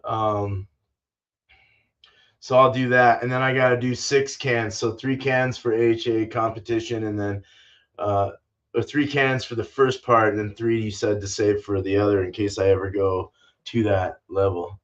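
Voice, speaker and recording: Lowish and steady, the voice of this older homebrewer, in his fifties or sixties, moves at a moderate pace over lo-fi sound. He hosts a livestream from his small home brewing room, rambling easily, swearing freely and often saying "dude" and "man."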